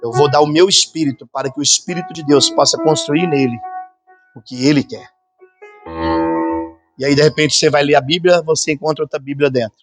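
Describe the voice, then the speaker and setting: Pastor preaching over music. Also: male voice, a little high, steady tone, a little fast, long pauses. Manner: fervent preaching, acts out quoted voices and sounds. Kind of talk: sermon. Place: church conference hall. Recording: sermon with music playing underneath.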